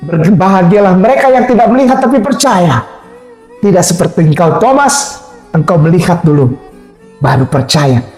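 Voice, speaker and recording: A man's voice: sits high, lively intonation, moderate pace, darkish tone. A man preaching to a new convert, emphatic, with rhetorical questions and acted-out quotes. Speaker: Islamic preacher. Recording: roomy sound with faint music.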